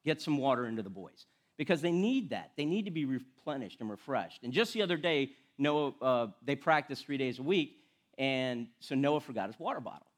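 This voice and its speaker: A man's voice: medium pitch, expressive, normal speed. A middle-aged man from Florida, a firefighter giving a casual sermon in a church sanctuary, chatty and self-deprecating with laughs and restarts. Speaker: lay preacher and firefighter.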